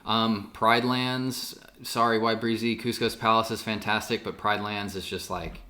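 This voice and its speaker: Man, low and bright, loose co-host chatter with fillers. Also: little pitch movement, unhurried. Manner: chatty, lots of fillers and restarts. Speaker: podcast co-host. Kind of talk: casual chat.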